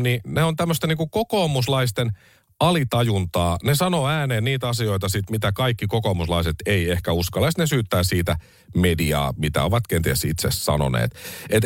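A man hosts a satirical podcast monologue in a mocking, casual tone. His pitch jumps around a lot as he talks. The recording is dry and close, with no room sound. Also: no room sound. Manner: sarcastic, mocking, conversational. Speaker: podcast host.

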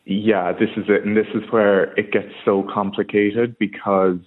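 Low, monotone Kerry Irishman on muffled line. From Kerry, Ireland. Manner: hesitant, halting phrasing. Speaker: radio phone-in guest. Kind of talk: personal account in a radio interview. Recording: muffled narrow-band call.

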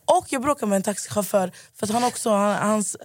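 A hoarse woman hosting a podcast, ranting in casual chat and swearing a lot. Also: mid-range voice, no echo, studio quality. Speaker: podcast host.

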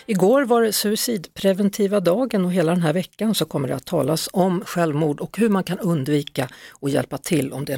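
A woman hosting a radio program, presenting a segment and asking measured, gently probing questions. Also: fairly low pitch, gravelly, husky, dry recording, studio quality. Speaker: radio host.

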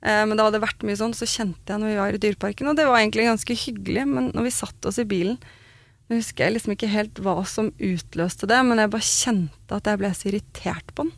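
A woman speaks in a relaxed conversational chat, frank and blunt as she tells her own story, with mild swearing. Her voice sits at an ordinary middle pitch and sounds close and dry, with no room echo. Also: creaky. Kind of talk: casual chat.

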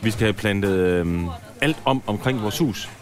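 Easygoing man chatting in a café. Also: on the low side. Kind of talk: casual chat.

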